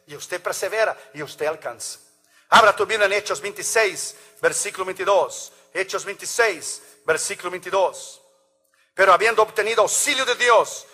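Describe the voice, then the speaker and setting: A man preaching a sermon, swinging between loud emphatic calls and quiet asides. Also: high-pitched, slightly rough. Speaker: pastor.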